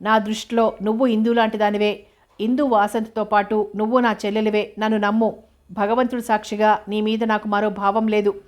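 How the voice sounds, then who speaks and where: A woman voicing a kind, earnest young man gently comforting his cousin, in a novel reading. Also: mid-range voice, level tone, moderate pace, close to an everyday voice. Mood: gentle. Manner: affectionate, earnest. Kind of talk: audiobook character reading.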